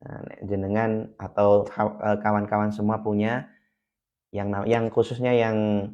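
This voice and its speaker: A man's voice: fairly low pitch, flat delivery, unhurried, lo-fi sound. Patient male Quran teacher. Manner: patient, repeats key points, chants syllables aloud in a melody. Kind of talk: live-streamed beginner lesson.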